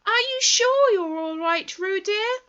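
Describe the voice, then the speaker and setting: A woman's voice: very high voice, expressive, slow pace, sharp tone, pitched above the performer's own voice, full character voice. A woman voicing an anxious, fussing mother kangaroo calling out. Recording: dull lo-fi recording.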